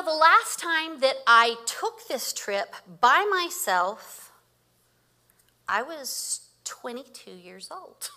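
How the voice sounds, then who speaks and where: A woman, preaching as a guest speaker and telling stories with frequent laughter. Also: fairly high pitch. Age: 50s. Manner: animated storytelling with laughter. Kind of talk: sermon.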